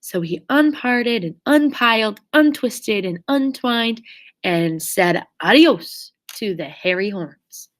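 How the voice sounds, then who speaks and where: A woman reading a children's story aloud expressively, with theatrical, drawn-out emphasis on key words. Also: a little high, lively intonation. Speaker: storybook reader.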